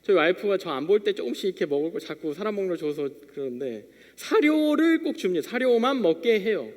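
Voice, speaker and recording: Man, young adult, youth pastor, conversational sermon, acts out dialogues, high voice, long church-hall reverb. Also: very animated, fast talker. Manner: conversational storytelling preacher, acting out little dialogues. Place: church sanctuary.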